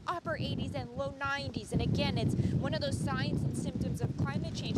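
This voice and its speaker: Woman reporting with raised voice over loud wind. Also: sits high. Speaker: field meteorologist reporter. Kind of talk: live storm report. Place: outdoors by docks in hurricane wind. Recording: loud wind and vehicle noise outdoors.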